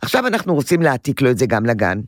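A woman's voice: a bass voice, very animated, no echo, clean studio sound. A woman counseling a mother on parenting, talking emphatically and often repeating her key phrases. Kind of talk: parenting advice session.

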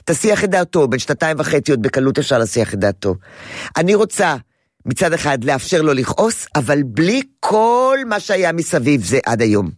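A woman's voice: deep voice, big pitch swings, dry recording, clean studio sound. A woman giving parenting advice to a caller in an emphatic, repetitive way. She often acts out a child's voice. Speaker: parenting advisor.

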